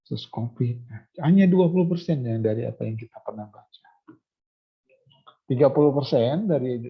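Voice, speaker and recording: Speaking at a medium pitch, he sounds creaky and slightly rough, captured with lo-fi quality. The man is teaching university students, whether in a classroom or online, building his explanation one step at a time, restarting often, filling pauses, and asking if they're keeping up.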